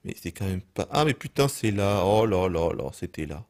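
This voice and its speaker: A man's voice: low-pitched, lively intonation, normal speed. A man with a French accent giving casual let's play commentary, talking to himself and swearing as he plays. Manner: talks to himself, swears often. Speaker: gaming streamer.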